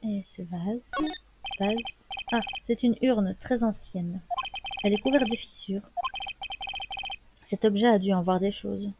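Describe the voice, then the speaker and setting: A woman hosting a let's play, reading the game's text aloud evenly and adding soft casual asides. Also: medium pitch, a little slow, pauses often, noisy background. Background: game music.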